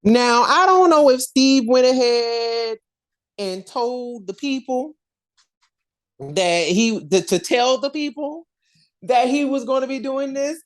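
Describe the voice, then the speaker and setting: A woman's voice: high-pitched, slow. A woman hosting a podcast, talking in a casual, gossipy way with lots of slang and frequent laughter. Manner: animated, slangy, laughs often. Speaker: podcast host.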